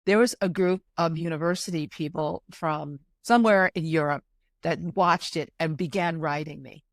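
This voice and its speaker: Older woman, interview guest, lowish voice, emphatic and animated, acts out dialogue, dry close sound. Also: normal speed, dry recording. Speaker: interview guest, arts executive. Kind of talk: conversational interview.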